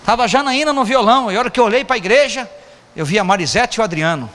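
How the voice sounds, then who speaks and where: A Brazilian pastor preaches a casual sermon, joking with his congregation between points. His voice is high and bright, rising and falling a lot. It carries through a long-echoing church hall with a faint hiss underneath. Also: lively intonation, rapid-fire. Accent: Brazilian Portuguese. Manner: joking, chatty, teasing the congregation. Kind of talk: informal sermon.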